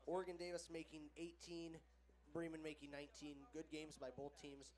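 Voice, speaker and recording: High-pitched young male color man reading game stats for a school broadcast. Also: level tone, a little mellow. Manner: reads stats slowly with pauses, casual opinions. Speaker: color commentator. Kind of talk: local sports broadcast commentary. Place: school gymnasium broadcast table.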